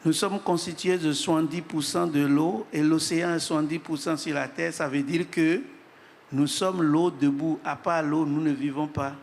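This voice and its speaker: Man, fairly high voice, measured solemn panel remarks, long hall reverb, faint noise. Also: steady tone. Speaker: panelist speaking through an interpreter. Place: large hall at an event.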